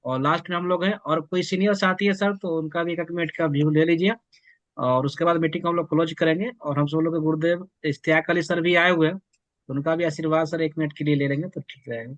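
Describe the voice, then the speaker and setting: A man's voice: a little high, steady tone, a bit bright, dry recording. Deferential man co-hosting a video call. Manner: deferential, quick prompts and congratulations. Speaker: co-host. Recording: dry, muffled video call audio.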